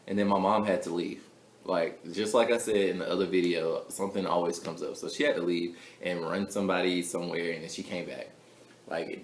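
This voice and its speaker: Low gravelly young man vlogging. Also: a little hiss or hum. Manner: chatty, full of "like" fillers, soft mumbles between louder bursts. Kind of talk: casual storytelling to camera. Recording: echoey room with faint ambience.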